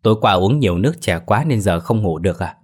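A man's voice: fairly low pitch, animated, fast talker, slightly rough. A man voicing an elderly wife who fusses over her husband, in an audio ghost story. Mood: worried. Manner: fussing, worried.

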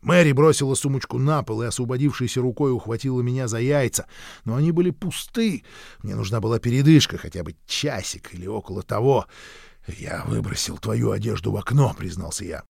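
A man reading a first-person literary story aloud in a measured, gruff manner, close to the mic. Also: mid-range voice, a little mellow, dry recording. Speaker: audiobook narrator.

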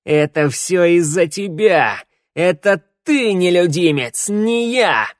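A man voicing a distraught young undead man who sobs and begs, his voice high and breaking. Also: animated, slow, no echo, clean studio sound. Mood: furious. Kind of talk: audiobook character voice.

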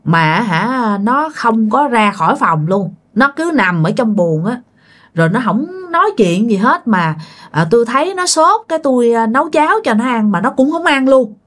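A woman's voice: on the high side, big pitch swings, normal speed. A worried middle-aged aunt, as a woman storyteller voices her, fretful and lamenting. Her talk is full of worry over a sick relative.

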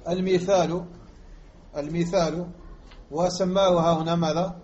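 A man from Algeria teaching Arabic morphology as a lecture, repeating example words slowly and quizzing his listeners. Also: sits high, steady tone, a little mellow. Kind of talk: classroom lecture explaining grammar. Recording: muffled lo-fi recording.

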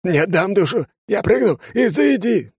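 A man's voice: on the high side, normal speed, darkish tone, no room sound, clean studio sound, pitched above the performer's own voice. A man voicing a terrified, superstitious old drunk who shrieks and wails in slurred, hysterical rants.

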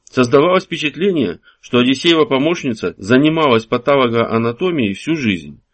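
A male audiobook narrator who reads in a measured, even way. His voice sits at an ordinary middle pitch. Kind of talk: scripted narration.

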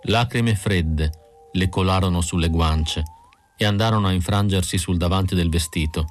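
A man reading an audiobook in a measured, even scripted narration. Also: low-pitched, soft background music. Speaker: audiobook reader.

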